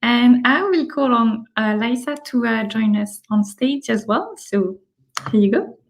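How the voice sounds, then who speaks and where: A woman's voice: on the high side, animated, a little slow. A woman from France co-hosting an online meetup, cheerful and self-deprecating with many fillers. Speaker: event co-host.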